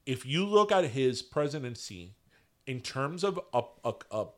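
Unhurried and mid-range in pitch, this man co-hosts a laid-back podcast conversation. His Cuban American accent comes through, and he animatedly drops into Spanish now and then.

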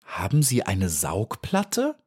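A man's voice: on the low side, huge pitch swings, takes it slowly, a little mellow, husky, exaggerated voice. A man voicing a polite, shy little female honeybee in a storybook reading, earnest and well-mannered. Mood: curious.

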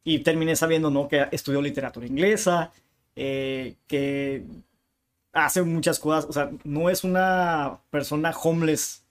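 A man's voice: a little high, measured pace. A man from Tijuana with a northern Mexican accent, a bookshop owner telling stories in a casual interview with slangy asides. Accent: northern Mexican Spanish. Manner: lively storyteller with slangy asides.

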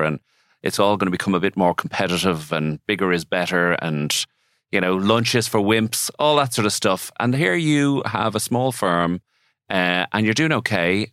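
A man hosts an interview in an easy, informal way. His voice is low, and it is recorded dry with very little room around it. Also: fairly bright tone, no room sound. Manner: informal, encouraging. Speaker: podcast host. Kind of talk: conversational interviewing.

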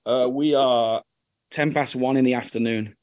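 A man's voice: medium pitch, fairly even intonation, moderate pace, darkish tone, no room sound. Brummie man with a close, dry sound. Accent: Birmingham (Brummie). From Birmingham, England. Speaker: guest, youth football coach. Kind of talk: casual chat.

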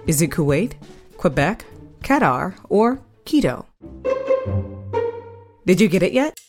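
A woman hosting a scripted radio feature in a bright, quiz-style presenting manner. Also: lowish voice, sing-song, measured pace, over music. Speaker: host.

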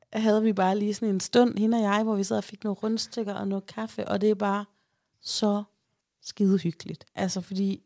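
Gravelly-voiced chatty woman. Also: mid-range voice, dry recording, clean studio sound. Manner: chatty, animated, acts out quotes. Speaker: podcast host. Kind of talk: casual chat, storytelling.

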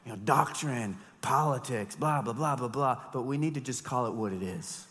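A man in his thirties, a pastor preaching an animated, joking sermon with emphatic storytelling. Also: medium pitch, normal speed, long reverb tail. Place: church sanctuary.

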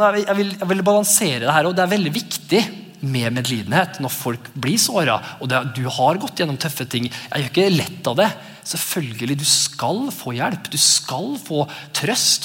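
Lively male pastor in reverberant church. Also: high voice. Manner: lively, conversational, acts out voices in exclamations. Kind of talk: sermon.

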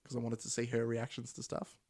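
Swearing, animated male podcast host. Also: medium pitch, fairly quick, gravelly. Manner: swears freely, laughs and animated. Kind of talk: casual chat.

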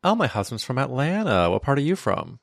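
A man's voice: mid-range voice, very animated, fairly quick, creaky, no echo, clean studio sound. A man from St. Louis, Missouri, chatting casually with a wry, joking manner. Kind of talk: casual chat.

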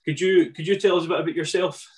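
A man's voice: on the high side, fairly even intonation, fast. A man hosting a podcast casually, talking in a rambling, hesitant and self-deprecating way. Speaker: podcast host.

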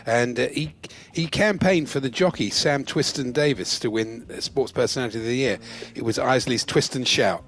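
A man's voice: medium pitch, normal speed, hardly any pauses, fairly bright tone. A man co-hosting a casual radio game, announcing birthdays and telling punning jokes in a chatty way. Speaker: co-host reading out celebrity birthdays. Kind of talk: casual comic banter with pun punchlines.

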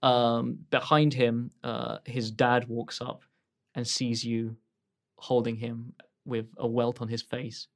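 A man's voice: mid-range voice, flat delivery, takes it slowly. A man narrating as game master of a tabletop game, hesitant and full of fillers. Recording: narration over clear music.

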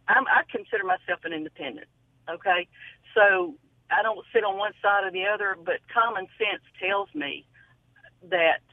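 A woman's voice: mid-range voice, gravelly, no room sound. A woman caller heard over the phone, giving an earnest, emphatic and rambling opinion on a call-in radio show. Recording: tinny phone line.

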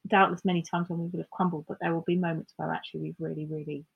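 A woman co-hosting a podcast in casual chat, speaking in a reflective, measured way and agreeing often. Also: deep voice, flat delivery, gravelly, slightly rough, narrow, tinny audio. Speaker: podcast co-host.

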